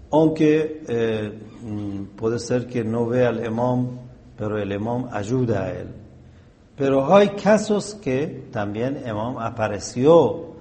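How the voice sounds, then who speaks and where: A man giving a religious talk, telling a story in a halting way with frequent fillers and throat-clearing. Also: mid-range voice, dark tone. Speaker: religious teacher.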